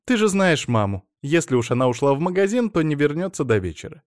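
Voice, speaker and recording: A man's voice: a little high, sing-song, quick pace, no room sound, voice pushed up. A capricious young wife with a raised, coaxing voice, put on by a male reader. She bosses her husband sweetly and firmly. Dry, close recording. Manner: coaxing, bossy. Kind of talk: audiobook character reading.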